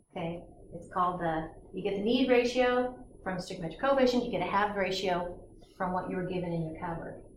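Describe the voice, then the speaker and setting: A woman's voice: medium pitch, a little hiss or hum. A woman teaching a general chemistry class in a lecture, chatty and asking her students questions as she goes. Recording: echoey classroom recording.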